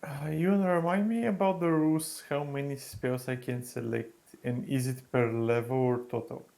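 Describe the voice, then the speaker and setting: Male tabletop player, gravelly fry in the voice, halting and thinking aloud. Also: mid-range voice, fairly even intonation, warm tone. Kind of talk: casual tabletop play.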